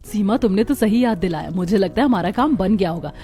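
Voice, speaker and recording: This woman plays the self-assured eldest daughter-in-law of a village cartoon, instructing others with confidence in scripted lines. She sounds animated and quick, mellow and medium in pitch, close to her everyday voice, over faint background music.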